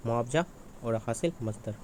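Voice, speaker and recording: A man's voice: mid-range voice, moderate pace, warm tone, a little hiss or hum. Man drilling exam questions aloud. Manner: repetitive, asks and answers his own questions. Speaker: exam-prep teacher.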